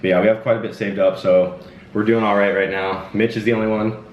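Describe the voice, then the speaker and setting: A man's voice: fairly low pitch, little pitch movement, fast talker, slight background noise. A twenty-year-old man hosting a casual Q&A at home, talking in a laid-back, rambling way with lots of fillers. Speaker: channel host. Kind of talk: casual Q&A chat. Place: indoors at home. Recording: echoey room, distant dull mic.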